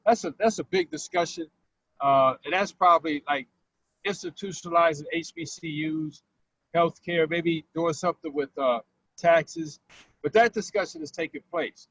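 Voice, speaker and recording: A man's voice: on the high side, moderate pace, a bit bright. A man calling in to a talk show on speakerphone while driving, laying out facts and repeating key figures. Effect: car speakerphone call. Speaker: caller. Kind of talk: call-in explanation on a talk show. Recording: muffled phone line from a car.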